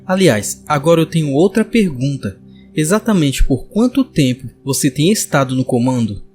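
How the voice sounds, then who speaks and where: A man's voice: a little high, very animated, normal speed, a little mellow. A man voicing a frightened but earnest young female journalist, speaking hesitantly, with faint music behind. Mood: probing. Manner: pleading, hesitant.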